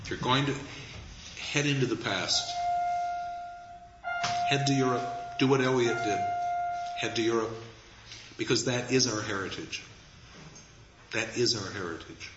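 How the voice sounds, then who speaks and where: A man's voice: mid-range voice, a little slow, long pauses, over loud music. A man giving an anecdotal lecture, a wry storyteller who chuckles at his own asides. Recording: echoey, dull room recording with faint ambience.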